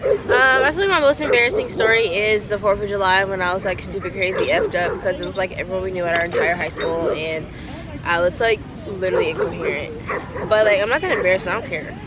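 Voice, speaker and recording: A woman's voice: medium pitch, fast, a loud crowd. A young American woman with a rowdy party-girl manner, chatting casually in blunt, slangy, sweary talk for a Q&A. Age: young adult. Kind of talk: casual Q&A chat. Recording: noisy outdoor ambience.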